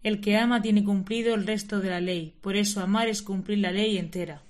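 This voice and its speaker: A woman reading scripture and a spiritual text at a prayer service, steady and measured. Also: medium pitch. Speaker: lector.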